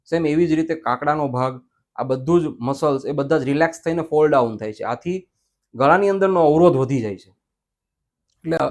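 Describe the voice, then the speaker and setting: Measured male doctor. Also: fairly high pitch, darkish tone. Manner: explanatory, measured, with English medical terms. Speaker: ENT doctor. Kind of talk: medical interview answers.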